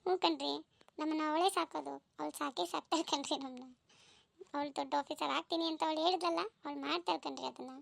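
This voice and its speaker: A woman voicing a devoted village mother of two in a family cartoon story, in a gentle, homely way. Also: high voice, steady tone, fast talker, gravelly, dry recording.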